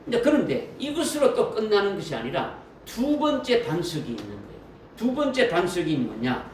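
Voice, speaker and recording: A man's voice: sits high, wildly swooping pitch, moderate pace. A man preaching a sermon as pastor, often asking the congregation questions and repeating key phrases. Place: church sanctuary. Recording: roomy echo from a distant mic with faint noise.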